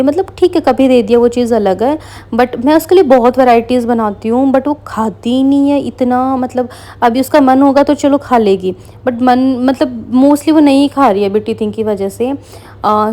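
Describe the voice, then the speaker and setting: Mellow-voiced chatty young mother. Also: on the high side. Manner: chatty, Hindi mixed with English words. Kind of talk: casual chat.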